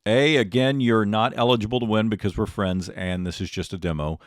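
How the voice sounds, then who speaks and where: A man's voice: on the low side, fairly even intonation, fairly quick, no room sound, clean studio sound. A man hosting a comedy show, telling stories and running a quiz with wry sarcasm. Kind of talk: comedic monologue and game hosting.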